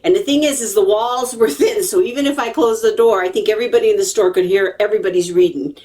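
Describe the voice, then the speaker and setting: Here the woman talks quickly, her medium-pitched voice dark in tone and picked up far from the mic. Telling her story to camera, she's chatty, emphatic and prone to tangents, frequently checking in with the people watching.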